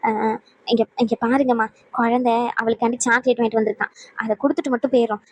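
A woman's voice: a little high, fairly even intonation, quick pace, breathy edge, muffled recording. A woman voicing an apologetic grandmother in a cartoon who pleads to make peace. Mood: pleading. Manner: pleading, conciliatory.

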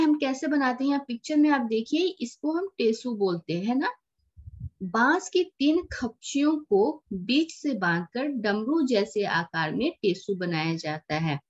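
Woman teacher, slow and patient, repeats and glosses words for small kids, dull lo-fi audio. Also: on the high side. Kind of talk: classroom lesson for young children. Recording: dull lo-fi recording.

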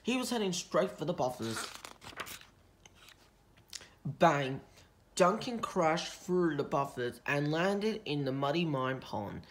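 Low-voiced woman reading a storybook. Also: very animated, takes it slowly, long pauses, a little hiss or hum. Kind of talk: storybook read-aloud.

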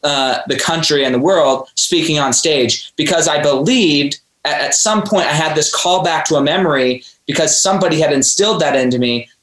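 Addressing his audience directly, a man hosting a podcast delivers earnest, preachy motivational interview talk. His voice is fairly high and a bit bright, at a moderate pace with barely any pauses. The recording has a roomy sound.

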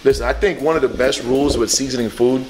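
A man's voice: mid-range voice, steady tone, fast talker, a little mellow, soft background music. A young man chatting playfully and asking questions while filming in a home kitchen. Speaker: co-host. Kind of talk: casual vlog chat. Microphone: handheld camera close to face.

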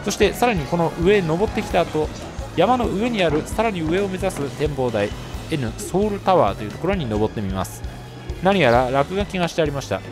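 A man talks through his travels in a chatty, explanatory way, slipping in small joking asides. His pitch sits a touch high and swings lively as he narrates quickly. Music plays clearly underneath his voice. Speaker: travel vlogger.

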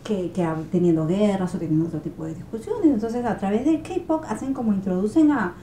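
A young woman from Ica, Peru, with a Peruvian Spanish accent, chats earnestly as a guest in a small pink bedroom, sometimes searching for words. Her mid-range voice is mellow, animated and fairly quick. A distant camera captures casual conversation with roomy indoor sound and faint noise.

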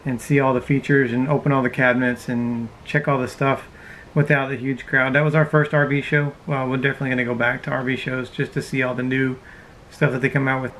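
A man's voice: medium pitch, little pitch movement, a little fast, fairly bright tone, slight background noise, rough recording. A man in his thirties chatting casually in an easygoing, rambling way, seated inside a parked RV and speaking to a camera close in front. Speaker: vlogger. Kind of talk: casual chat.

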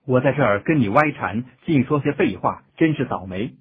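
A man reading the part of a bitter, quick-tempered young village girl in a storybook tale, speaking scornfully. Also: medium pitch, expressive, husky. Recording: tinny phone-like audio.

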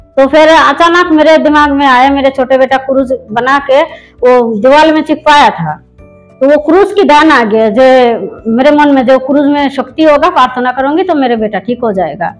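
A woman's voice: high voice, moderate pace, soft background music, rough recording. A middle-aged woman from India giving a spoken personal testimony in a rambling storytelling way with many restarts. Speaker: church member giving testimony.

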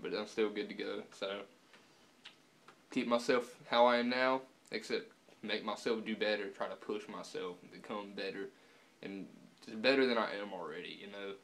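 A young man talking casually to camera with dip in his lower lip, laid-back and swearing often, filmed at home with the camera on a subwoofer. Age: young adult. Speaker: vlogger. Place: indoors, room at home.

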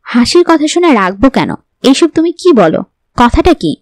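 A woman's voice: sits high, sing-song, moderate pace, no room sound, pitched above the performer's own voice. A woman voicing a worried, irritated young husband.

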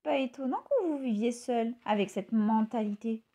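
Casting note: bold little boy bird, high and squeaky, lively swoops, a woman putting it on. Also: normal speed, muffled recording. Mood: cheeky. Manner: high, eager, excited. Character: young male bird, bold and cheeky.

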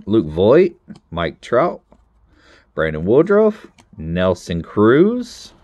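Low-voiced excitable man opening card packs. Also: extremely slow, no echo, muffled recording. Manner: excitable, talks to viewers, bursts into loud exclamations. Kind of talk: casual pack-opening commentary.

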